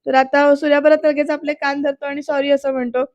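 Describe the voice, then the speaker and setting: A woman gives a voice-over recap of a TV serial episode, speaking straight to her viewers. Her voice sits high and stays fairly level. She reads the characters' dialogue aloud without much change in her tone. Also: flat delivery, brisk, darkish tone, dull audio. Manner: retells scenes, addressing viewers directly; reads characters' dialogue in quotes, mostly plainly.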